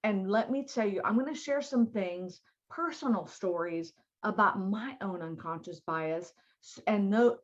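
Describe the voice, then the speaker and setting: A woman's voice: medium pitch, fairly bright tone, lo-fi sound. Chatty Southern woman giving a training. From born in New York City, raised in Miami. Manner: chatty, folksy, addresses audience as y'all. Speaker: diversity and inclusion trainer. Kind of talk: live online training presentation.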